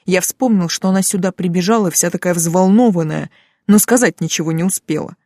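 A man's voice: high-pitched, fairly quick, darkish tone, no echo. Man narrating an audiobook, dry sound. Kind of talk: audiobook narration, first person.

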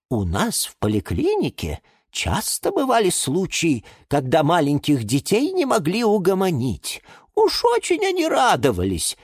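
A motherly elderly plant frets and chatters, voiced by a woman reading aloud. The storybook voice is older and fussy, with a very animated pitch and a dry, close sound. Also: slightly rough, dry recording, exaggerated voice.

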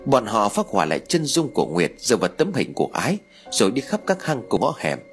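A man narrating a dramatic family story in a lively, expressive reading. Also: on the low side, quick pace, faint music behind. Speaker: audiobook narrator.

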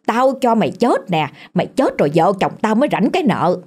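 A woman's voice: mid-range voice, big pitch swings, brisk, darkish tone, husky, faint music behind. Woman voicing a cursing Southern Vietnamese father. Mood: furious. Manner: snarling, cursing. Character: angry abusive father, a middle-aged man.

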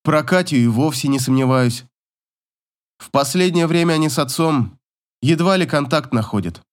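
A man's voice: fairly high pitch, moderate pace. A man reading a first-person story audiobook, telling it in an emotional, dramatic way. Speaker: audiobook narrator.

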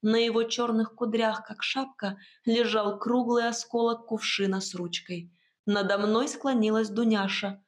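A woman reading first-person fantasy narration for an audiobook in a measured, expressive way. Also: fairly high pitch.

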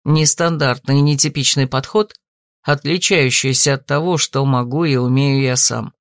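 A woman voicing a lowered, courteous gentleman. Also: fairly even intonation, no room sound, clean studio sound. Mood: calm. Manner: polite, measured, gently amused. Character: courteous, amused man, palace host, composed. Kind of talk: audiobook character voice.

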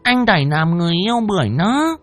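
A shrill, brazen madwoman, put on by a male storyteller. She wheedles and coos at a very high pitch, and the tune swings all over. The dry, close recording has soft music underneath. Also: very animated, fast talker, no room sound. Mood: wheedling. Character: unkempt, lovesick madwoman, brazen, coy.

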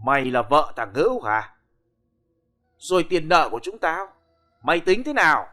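A man's voice: fairly high pitch, sing-song, normal speed, pushed and bright, soft background music. A man voicing a menacing male loan shark who growls his threats. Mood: threatening.

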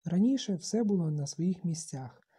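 An audiobook narrator reading a novel in a steady, measured way. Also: medium pitch, slightly rough. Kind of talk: scripted narration.

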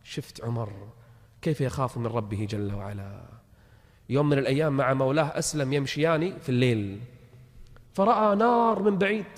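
A man preaching a storytelling sermon, dropping to a hush and rising to a shout. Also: medium pitch, lively intonation, fairly quick, long pauses. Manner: dramatic, swings between hushed and shouted. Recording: long hall reverb.

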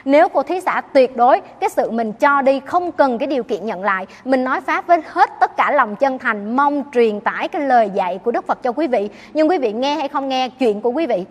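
A woman's voice: high voice, lively intonation, brisk, hardly any pauses, in a large hall. A Buddhist nun giving an earnest dharma talk, often questioning her listeners. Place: temple hall.

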